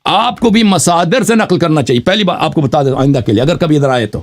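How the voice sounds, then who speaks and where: Insistent debating man, lively high voice. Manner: insistent, repeats pointed questions. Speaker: debater on a live call-in show. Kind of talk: heated religious debate.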